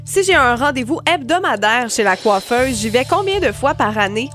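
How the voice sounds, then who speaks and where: High-voiced chatty Québécois radio host. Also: female voice, soft background music. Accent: Québécois French. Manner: lively, chatty, reads quiz questions briskly. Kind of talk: casual radio banter and quiz hosting.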